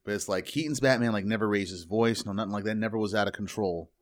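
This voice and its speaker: A man chatting casually about movies as a podcast co-host, talking in quick bursts with restarts. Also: fairly low pitch.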